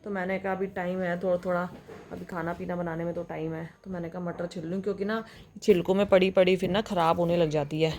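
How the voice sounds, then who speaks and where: A woman's voice: fairly even intonation, fast talker, a little mellow, a little hiss or hum. Chatty woman vlogging at home. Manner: chatty, coos at her pet dog in a high baby voice. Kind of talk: casual home vlog chat. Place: at home indoors.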